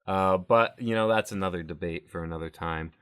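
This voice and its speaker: A man with a notably deep, low-pitched voice talks through a podcast episode in loose, casual chat. He rambles, circles back and restarts his thoughts, and laughs often as he goes. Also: fairly quick, a bit bright, clean tone. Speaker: podcast co-host.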